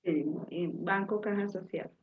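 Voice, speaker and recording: A woman's voice: medium pitch, unhurried. Polite woman student.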